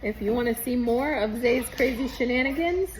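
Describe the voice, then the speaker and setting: A woman's voice: on the high side, normal speed, crowd noise, poor audio. A woman chatting casually for a home video in a playful, teasing way.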